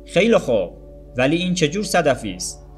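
An eager, wide-eyed little boy from a storybook, stuck in bed and full of questions, as a male narrator acts him out. The voice jumps high above the narrator's own and comes out louder and brighter. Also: big pitch swings, faint music behind. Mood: curious.

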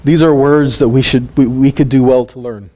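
A man's voice: medium pitch, fairly even intonation, normal speed, dark tone. A man giving a casual sermon teaching, retelling Bible stories in a folksy, plain-spoken way.

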